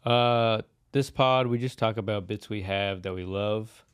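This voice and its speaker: A man's voice: on the low side, unhurried, clear, resonant tone, no room sound. A man hosting a comedy podcast in a studio, friendly and casual, laughing a lot and calling his guest dude and man. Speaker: podcast host.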